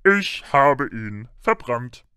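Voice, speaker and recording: A man's voice: mid-range voice, big pitch swings, slow, sharp tone, clear, resonant tone, no echo, studio quality, full character voice. A man doing a blustering bully of an uncle. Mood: curt. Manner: barking, stammering when rattled. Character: blustering, panicky middle-aged uncle, bullying. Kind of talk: audiobook character voice.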